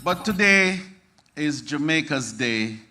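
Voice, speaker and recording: A man's voice: on the high side, expressive, slow. A man giving a solemn, reverent address at a ceremony in a church hall. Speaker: speaker at a ceremony. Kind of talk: formal address with prayer. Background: music.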